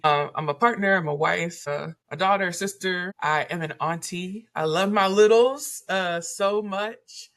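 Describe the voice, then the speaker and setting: A woman from Baltimore with a Baltimore accent, a podcast guest chatting casually over a video call, animated and often laughing. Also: low-pitched. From Baltimore, USA. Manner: animated and laughing, talks faster as she goes. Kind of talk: casual chat.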